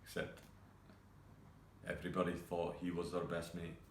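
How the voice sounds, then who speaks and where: An actor playing a grieving young male cook who talks in a halting, hesitant way full of fillers. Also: deep voice, monotone, reverberant, slight background noise, close to an everyday voice. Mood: subdued. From Scotland. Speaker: actor performing a monologue. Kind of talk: self-tape monologue.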